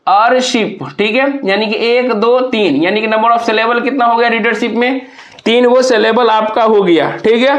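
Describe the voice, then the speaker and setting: A man's voice: very high-pitched, a bit bright, echoey room. A male teacher giving an exam prep lesson, explaining step by step and spelling words out letter by letter while asking and answering his own questions.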